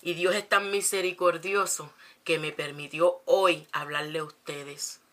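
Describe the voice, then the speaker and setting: A woman's voice: low-pitched, fairly even intonation, a little slow, a bit bright. A woman preacher, preaching fervently with rhetorical questions and repeated phrases. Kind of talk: preaching to a congregation.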